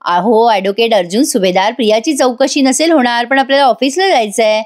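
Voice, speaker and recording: A woman's voice: on the high side, a little fast, lightly acted. A woman voicing a cheerful young man who teases his friend playfully. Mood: teasing. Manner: playful, teasing.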